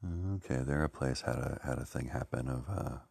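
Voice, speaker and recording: Very deep gravelly man, halting. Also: darkish tone, no echo. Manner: halting, searching for words, many pauses and fillers. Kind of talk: rambling reflective talk.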